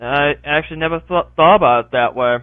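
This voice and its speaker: A man's voice: on the high side, a little fast, smooth, no room sound. A man hosting a casual group podcast call, moderating turns and encouraging the others. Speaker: podcast host. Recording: tinny phone-like call audio.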